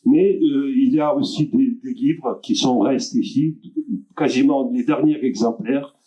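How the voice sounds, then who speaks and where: Slow, hesitant man with a dark voice. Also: medium pitch. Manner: halting, many filler sounds and restarts. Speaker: event host introducing speakers. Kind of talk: hesitant spoken introduction. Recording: dull lo-fi room recording.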